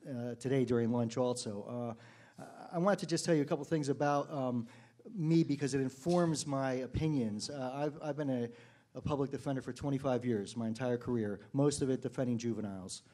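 A middle-aged man, a public defender, giving a conference keynote speech, full of restarts and growing heated and animated. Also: mid-range voice. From United States. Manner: frequent uh fillers and restarts, grows heated and animated.

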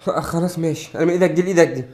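Woman as a fast-talking, cowardly Egyptian man; low, wheedling, pleading; skit acting. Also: dark tone, slight background noise, lightly acted. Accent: Egyptian Arabic. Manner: rapid, wheedling, pleading when caught. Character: cowardly scheming adult man hired for a plot.

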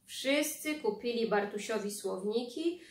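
A woman's voice: a little high, expressive. Woman doing a stern scolding aunt. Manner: sharp, drawn-out, reproachful. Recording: echoey room.

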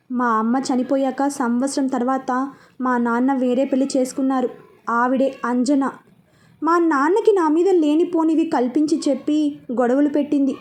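A woman voicing an earnest, hurt schoolboy in a spoken story, speaking calmly and gently. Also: high-pitched, lightly acted.

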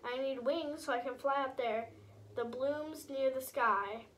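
Storybook butterfly boy, crinkled wings, earnest and pleading, bright high voice, read by a woman. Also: a little slow. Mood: forlorn. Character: sad young male butterfly with crinkled wings.

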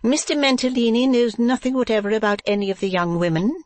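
An imperious, genteel businesswoman from a classic storybook, acted out by a narrator. Her voice sits high and carries a scolding, haughty edge. The recording is dry and close. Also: fairly even intonation, quick pace, no room sound, lightly acted. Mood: businesslike. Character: haughty, brisk businesswoman wife, affectedly genteel. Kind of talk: classic novel audiobook character.

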